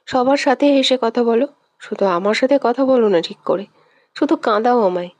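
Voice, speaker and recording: A woman's voice: fairly high pitch, normal speed, a little mellow, highs cut off, lightly acted. A woman voicing a jealous young woman who sobs, pleads and accuses her beloved in a romantic audio story. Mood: angry, sulky. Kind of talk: scripted audio drama reading.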